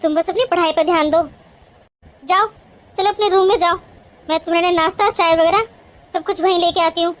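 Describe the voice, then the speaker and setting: A woman's voice: sits high, fairly even intonation, a little fast, close to an everyday voice. Woman voicing a strict, caring cartoon sister-in-law. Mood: scolding. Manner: scolding and bossy, yet affectionate.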